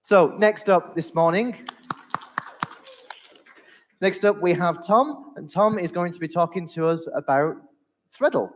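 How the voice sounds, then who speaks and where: Host/judge, male, measured and courteous, voice swimming in a long booming hall echo. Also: a little hiss or hum. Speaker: host and judge of a school pitch event. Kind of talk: formal feedback and introductions. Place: large echoing hall. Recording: reverberant hall recording.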